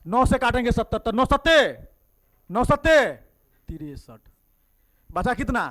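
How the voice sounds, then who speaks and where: A man with a Bihari Hindi accent teaches a math class. His voice sits high and leaps up and down as he coaxes students with quick questions. Classroom teaching, full of prompts. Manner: lively, coaxing questions to students.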